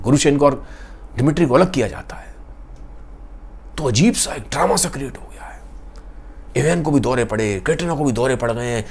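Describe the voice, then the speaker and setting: A man's voice: medium pitch, a little mellow, slight background noise. Man casually retelling a novel, dramatic. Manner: conversational, dramatic. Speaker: storyteller.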